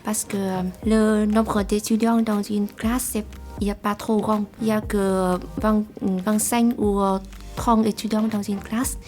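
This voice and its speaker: A woman's voice: medium pitch, flat delivery, a little mellow. Hesitant young woman with a Vietnamese accent. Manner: halting, many hesitations. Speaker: international student. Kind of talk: testimonial interview.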